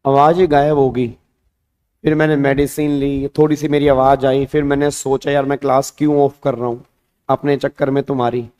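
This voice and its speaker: A man with a hoarse voice teaching an online class, chatting casually and speaking calmly. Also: mid-range voice, moderate pace.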